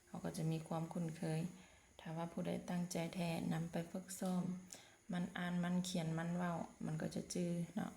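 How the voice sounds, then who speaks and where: A woman with a Lao accent teaching English vocabulary to pupils, slowly and patiently repeating each word. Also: lowish voice, monotone, gravelly, dark tone. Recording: echoey room with faint noise.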